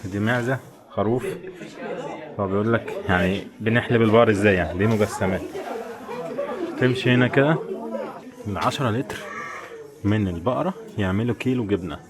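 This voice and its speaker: Walking through a tourist village and its shops, an Egyptian Arabic–accented travel vlogger gives viewers an informal, chatty commentary. His fairly low voice is brisk but pauses often, and crowd and street bustle carry in the background.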